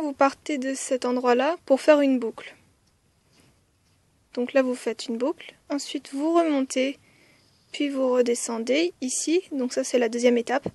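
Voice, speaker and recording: A woman language teacher with a high voice walks through a writing lesson step by step, often hesitating with "euh." She counts strokes aloud, softly whispering some of the counts, and the recording has no echo.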